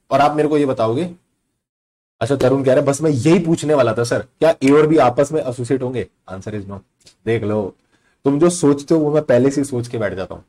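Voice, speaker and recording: A young man teaching a live online law class in a conversational, teasing manner. His voice sits a little high for a man, and he keeps stopping to quiz his students. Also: a little mellow. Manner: quizzing students, conversational Hindi mixed with English. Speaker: law lecturer.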